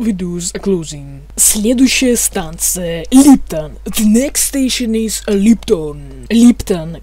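A young man playing a formal metro announcer, reading measured, formulaic transit announcements in a high youthful voice. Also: darkish tone, exaggerated voice. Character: formal metro train announcer, bilingual, procedural.

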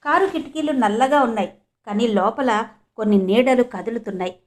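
A woman narrating a scripted story in an even, measured reading voice. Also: a little high.

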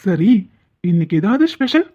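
A woman's voice: medium pitch, big pitch swings, moderate pace, dark tone. Woman voicing a flirty cartoon husband, tinny. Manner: flirtatious, defensive explaining. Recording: tinny phone-like sound.

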